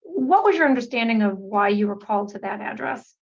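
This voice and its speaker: A woman prosecutor questioning a witness in a plain, businesslike way. Her fairly high voice comes through a dull, muffled courtroom recording. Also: animated, fairly quick, creaky.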